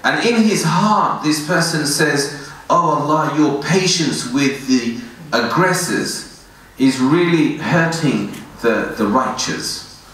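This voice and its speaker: A man's voice: fairly high pitch, slow, a bit bright. A man in his thirties giving an earnest, pleading sermon, reciting verses in Arabic between explanations. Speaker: imam giving a Friday sermon. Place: indoor prayer room with woven screen backdrop. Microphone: stand mic near mouth. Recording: echoey room, voice a bit distant.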